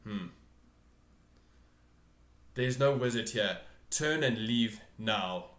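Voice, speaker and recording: A man voicing an imposing, suspicious lord of a dark hall in a tabletop game, with a deep voice and slow, commanding delivery. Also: expressive. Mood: stern, offended. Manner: slow, commanding, stretched-out words. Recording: roomy, echoing home recording.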